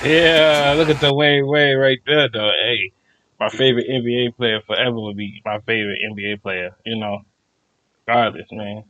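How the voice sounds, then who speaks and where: A man's voice: mid-range voice, flat delivery, normal speed, sharp tone, no room sound, rough recording. Man as reaction video host, loose slangy fan chat, very little room sound.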